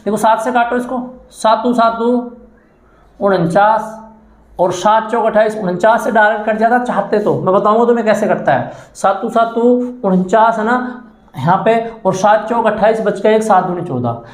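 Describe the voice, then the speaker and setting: A man's voice: sits high, moderate pace, roomy sound. A man from Haryana with a Haryanvi accent, teaching a maths class and reciting times tables in a repetitive lecture style. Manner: chants times tables, repeats phrases. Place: coaching classroom.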